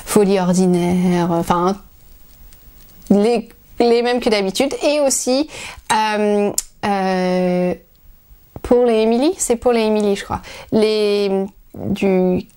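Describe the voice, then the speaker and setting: A woman hosting a knitting podcast, talking to her viewers as if to friends. Her talk wanders, full of pauses and restarts. She sounds relaxed and unscripted, speaking from home. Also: mid-range voice, smooth. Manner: rambling, full of hesitations and restarts. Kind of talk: casual chat to viewers.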